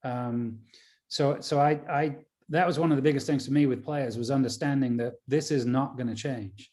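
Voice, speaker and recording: A man's voice: medium pitch, dark tone. A man, a golf caddie and coach, talking in a casual rambling way with many fillers and restarts. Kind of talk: casual conversation. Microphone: video call.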